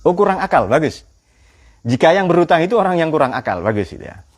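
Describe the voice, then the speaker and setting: A man's voice: a little high, fast. A man giving a Quran exegesis lecture, quizzing his audience with questions and telling jokes. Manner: lively, joking storyteller.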